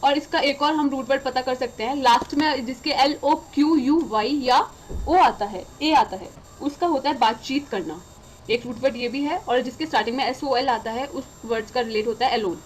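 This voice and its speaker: A woman with an Indian accent teaches an English vocabulary lesson in a high voice. She reads each definition slowly and carefully, then explains it in Hindi. Faint background noise sits under the recording. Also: poor audio.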